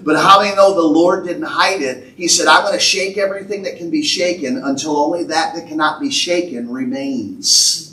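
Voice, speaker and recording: A male pastor preaching a charismatic sermon in a church sanctuary, his intensity rising until he shouts at the peaks, and acting out the voices he quotes. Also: a little high, normal speed, slight background noise. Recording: echoey church recording from far off.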